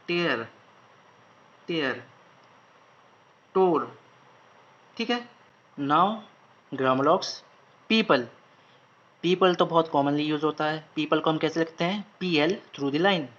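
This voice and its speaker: This dull, lo-fi clip has a man with a fairly high, fairly bright voice running an online shorthand class. As the instructor writes out each word, he says it over several times.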